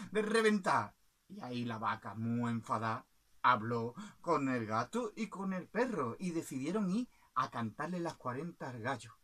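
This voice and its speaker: Lively, bright-voiced male storyteller from Spain. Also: on the high side. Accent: Spanish. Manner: playful, imitates animal sounds, laughs often. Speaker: children's storyteller. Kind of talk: animated storytelling for children.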